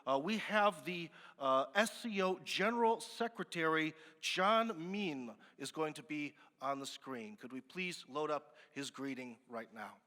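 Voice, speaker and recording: With the lengthy reverb of a huge conference hall around him, an American man hosts a business forum from the stage. He sounds bright and fairly high-pitched, talking casually and relaxed, with lots of fillers to fill pauses.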